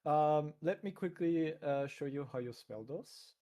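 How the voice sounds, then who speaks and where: A man hosting a modded game session, explaining the game world in a halting, casual way. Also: fairly high pitch, mellow. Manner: halting, many fillers, laughs easily. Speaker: game host and guide.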